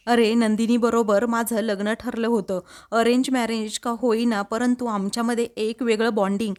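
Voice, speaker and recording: A woman's voice: on the high side, darkish tone, natural voice. A woman reading the lines of an elder brother who defends himself, hurt and angry. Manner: pleading then angry, repeated questions.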